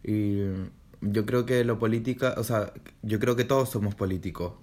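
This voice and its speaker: A young drag performer with a Chilean accent, talking in a relaxed podcast interview and often pausing to search for words. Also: male voice, fairly low pitch. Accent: Chilean Spanish. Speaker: drag artist guest.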